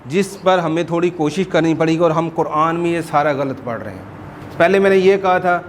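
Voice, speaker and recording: Male Quran teacher, fairly high voice, patient explainer who slows down to model each word, faint noise behind. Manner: explanatory, repeats words slowly to demonstrate pronunciation. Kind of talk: informal religious class lesson.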